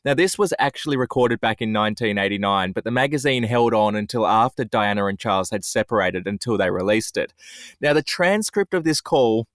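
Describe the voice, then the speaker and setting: A man's voice: on the low side, animated, a little fast, fairly bright tone, dry recording, studio quality. A man hosting a news podcast in a jokey, bantering way. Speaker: podcast host. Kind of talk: casual news podcast chat.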